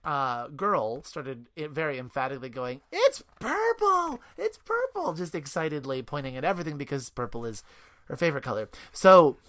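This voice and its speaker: A man's voice: medium pitch, a little fast, a bit bright. A man speaking as a parent guest, telling rambling anecdotes in casual chat and laughing often.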